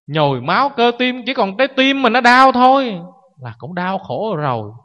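A man's voice: high voice, sing-song, moderate pace, a bit bright. A man, a Buddhist monk giving a sermon, who keeps questioning his listeners and acts out people wailing. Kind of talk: dharma sermon. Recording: echoey hall, dull lo-fi sound.

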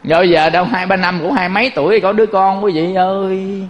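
A man's voice: high-pitched, fairly even intonation, a little fast, big-room sound, lo-fi sound. A man giving a folksy Buddhist sermon, telling stories and constantly addressing his listeners. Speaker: Buddhist monk teacher.

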